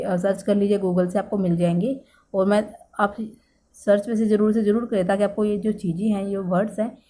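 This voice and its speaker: A woman teaching English vocabulary for exam prep. She explains slowly, repeats each key word and often checks in with the class. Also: medium pitch, mellow. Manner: explains slowly and repeats key words, with many "thik hai" check-ins.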